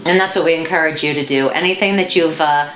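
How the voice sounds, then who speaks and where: A woman's voice: low-pitched, fast talker, fairly bright tone, roomy sound, recorded from a distance, soft background music. A woman co-hosting a show, chatting casually and encouragingly as she demonstrates a recipe in a home kitchen, often checking in with "okay?". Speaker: co-host.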